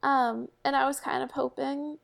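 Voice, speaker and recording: A woman co-hosting a casual podcast chat, talking in a halting way and often restarting her sentences. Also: sits high, level tone, vocal fry. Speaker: podcast co-host.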